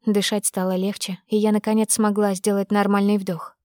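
A woman narrating a first-person novel as an audiobook. She keeps an intimate, brisk storytelling pace in a medium voice. The recording is dry and close. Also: medium pitch, level tone, darkish tone, no echo.

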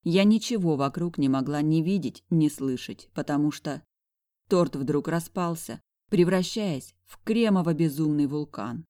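A reader narrating a novel in the first person, with lively delivery of the dialogue. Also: medium pitch, unhurried, no echo, studio quality. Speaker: audiobook narrator. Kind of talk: scripted narration of a romance novel.

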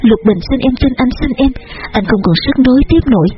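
A man's voice: extremely high pitch, lively intonation, fast talker, pitched above the performer's own voice. A man doing a choked, anguished young lover. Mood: desperate. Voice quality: husky, choked. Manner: desperate, pleading. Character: anguished young man pleading his love. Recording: dull lo-fi audio with faint music.

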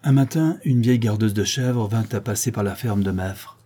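A man narrating a crime novel in a steady reading voice. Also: lowish voice, normal speed, husky. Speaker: audiobook narrator. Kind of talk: scripted narration.

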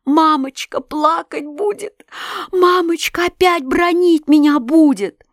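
A woman voicing a frightened little girl who pleads with her father in shrill, drawn-out cries. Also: a little mellow, no echo, clean studio sound, lightly acted. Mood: terrified.

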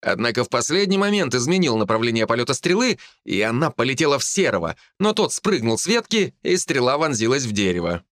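Expressive man reading a fantasy story. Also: medium pitch, fast talker, few pauses, dry recording, studio quality. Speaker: narrator. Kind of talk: audiobook narration.

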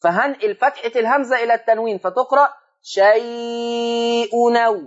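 A man's voice: very high-pitched, steady tone, normal speed. Egyptian man, quran teacher, patient step-by-step explanation, stretched-out demo words, muffled lo-fi broadcast sound. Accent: Egyptian Arabic. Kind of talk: televised lesson on Quran reading. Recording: dull lo-fi broadcast audio.

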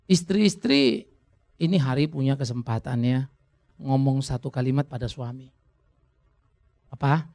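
A man's voice: mid-range voice, a little slow, long pauses, a little mellow. A middle-aged man preaching a sermon in a church, in a chatty, conversational way with jokes for the congregation. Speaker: pastor.

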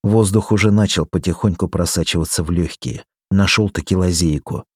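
Man, audiobook narration, low voice, dry close sound. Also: fairly even intonation, fairly quick, breathy edge, no room sound. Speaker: audiobook reader. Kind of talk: scripted first-person narration.

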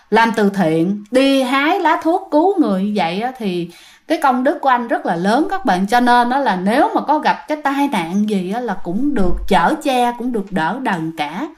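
A woman telling ghost stories in a chatty way and often speaking straight to her listeners. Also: fairly high pitch. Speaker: ghost story narrator. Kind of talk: casual storytelling to listeners.

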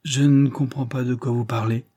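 A man's voice: mid-range voice, flat delivery, normal speed, warm tone, no echo, studio quality, pitched above the performer's own voice, natural voice. A man voicing a proud, guarded young man who answers in a clipped, defensive way, in an audiobook reading. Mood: wary. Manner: clipped and defensive, flaring into agitation. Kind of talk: audiobook character voice.

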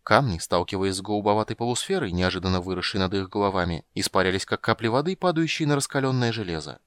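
Low-voiced man narrating an audiobook. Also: animated, fast, clear, resonant tone, no room sound, clean studio sound.

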